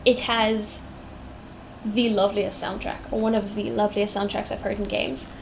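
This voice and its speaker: A gravelly, medium-pitched voice at a normal speed belongs to a young South African woman with a mixed British and American-tinged accent. She's a digital artist thinking aloud as she draws on a live stream, chatty, meandering, and humming to herself. Crickets and steady noise run in the background.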